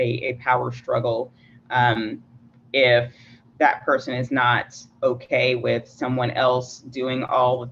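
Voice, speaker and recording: A man's voice: mid-range voice, fairly bright tone, lo-fi sound, a little hiss or hum. A man leading an online leadership workshop, talking with frequent restarts and fillers. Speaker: workshop facilitator.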